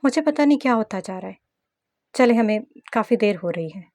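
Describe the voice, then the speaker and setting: A woman's voice: fairly high pitch, lively intonation, brisk, a little mellow, no room sound, studio quality. A woman voicing an anxious, tearful young bride in a read-aloud novel. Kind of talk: scripted novel narration with acted dialogue.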